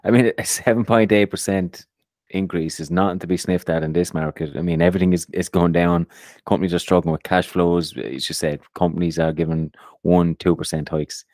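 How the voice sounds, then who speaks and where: A man hosting an investing podcast in a relaxed, casual way, often repeating his first words. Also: low voice, brisk, no echo, studio quality. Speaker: podcast host.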